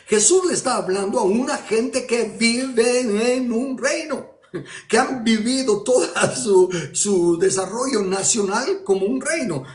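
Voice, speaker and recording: A man preaching with a raised, fairly high voice that carries a strong room echo. He presses his points hard, repeating phrases and firing rhetorical questions at the congregation. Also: a little mellow. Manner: emphatic, with rhetorical questions and repetitions. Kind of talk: sermon.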